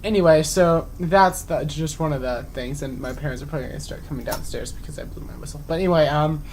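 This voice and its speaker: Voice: mid-range voice, fast, darkish tone, slight background noise, low-quality recording. A young adult vlogger telling work stories at home in a casual, chatty way, full of fillers, acting out what other people said. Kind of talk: casual storytelling vlog.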